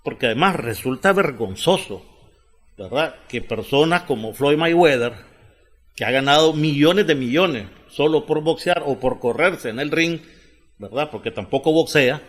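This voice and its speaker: A man's voice: on the high side, lively intonation, moderate pace, fairly bright tone. A man hosting a talk show, arguing his points and tagging them with questions and doubled fillers. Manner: keeps adding tag questions and doubled fillers. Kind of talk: analytical talk-show conversation.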